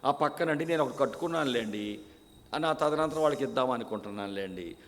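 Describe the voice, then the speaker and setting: A man's voice: medium pitch, lively intonation, quick pace, close to an everyday voice. A male preacher acting out a proud father who boasts, with polite endings on every phrase, of all he has provided for his children. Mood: boastful. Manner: deferential, adding polite endings to each phrase. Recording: long echo of a church hall.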